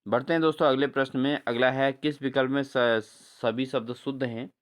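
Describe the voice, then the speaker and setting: A man teaching a spelling lesson for exams, repeating each answer back to his viewers and spelling words out slowly syllable by syllable. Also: medium pitch, fairly even intonation. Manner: repeats answers as questions to viewers, addresses them as friends. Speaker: exam-prep teacher. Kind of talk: spelling lesson for exam prep.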